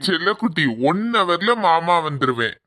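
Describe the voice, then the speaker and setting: A man's voice: fairly high pitch, expressive, moderate pace, pushed and bright. A man voicing a scheming husband in a cartoon, speaking in sly asides. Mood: sweet. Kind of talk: cartoon voice acting.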